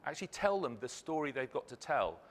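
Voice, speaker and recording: Male conference speaker, emphatic phrasing, mid-pitched voice, long hall reverb. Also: big pitch swings, brisk. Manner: rhetorical questions, emphatic phrasing. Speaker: ad technology company speaker. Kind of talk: conference presentation.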